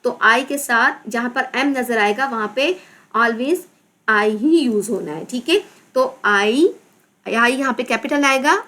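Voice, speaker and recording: Slow-spelling Pakistani woman teacher. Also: a little high, pushed and bright. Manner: slow, drawn-out reading of English words, repeating and spelling them out. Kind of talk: explaining a textbook lesson in Urdu and English.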